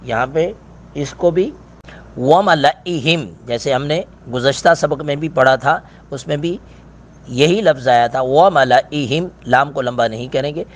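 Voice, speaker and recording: A middle-aged man teaching a recitation lesson, explaining pronunciation rules plainly and then chanting verses in a slow, drawn-out way. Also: medium pitch.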